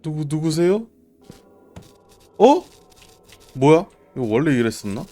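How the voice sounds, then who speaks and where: A man with a fairly high, widely swinging voice commentates a horror game live. He speaks at an unhurried pace, reacting jumpily and muttering or shouting to himself as a streamer would. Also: very animated, soft background music.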